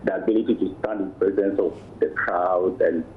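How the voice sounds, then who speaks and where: A man calling in to a broadcast, heard over a clipped, tinny phone line, talking casually and halting to repeat his words. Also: sits low, steady tone, a little hiss or hum. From Ghana. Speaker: phone-in caller. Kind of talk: casual call-in praise.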